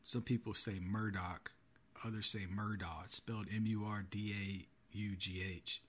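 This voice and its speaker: A man hosts his own podcast alone, talking to listeners in an earnest, cautionary way. His voice sits a bit low and has a husky, slightly breathy grain. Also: little pitch movement, normal speed, fairly bright tone. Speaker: podcast host. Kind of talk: solo podcast commentary.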